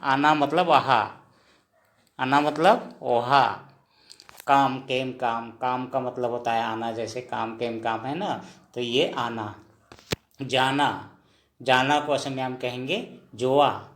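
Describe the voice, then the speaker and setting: Slow, patient male language teacher. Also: medium pitch, steady tone, fairly bright tone, roomy sound, slight background noise. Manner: repeats words slowly, checks in with "ठीक है दोस्तों". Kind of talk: slow spoken lesson, explaining word by word.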